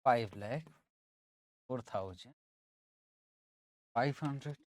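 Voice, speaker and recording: A man's voice: medium pitch, unhurried, no room sound. Casual male accounts teacher, dry sound. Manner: casual, works through sums aloud. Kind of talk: informal classroom lesson.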